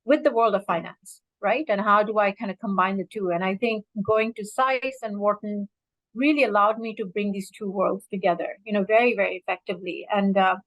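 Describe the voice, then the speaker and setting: A Bangladeshi woman in her fifties, an alumna, gives a personal talk to an audience, speaking earnestly and reflectively with many fillers. Her medium-pitched, slightly bright voice is steady and fairly quick, in a dry, low-quality recording.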